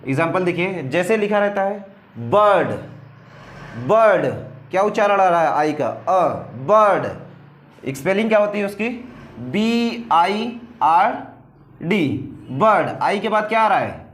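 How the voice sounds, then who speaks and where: A man's voice: high-pitched, lively intonation, reverberant. A man teaching English pronunciation, spelling words out letter by letter and asking and answering his own questions. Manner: slow, drawn-out dictation of rules to copy down. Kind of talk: classroom-style lesson.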